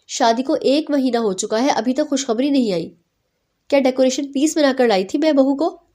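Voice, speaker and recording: A woman's voice: high-pitched, dark tone. A woman voicing a fussy older mother-in-law who nags and scolds in a motherly way. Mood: scolding. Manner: nagging, motherly.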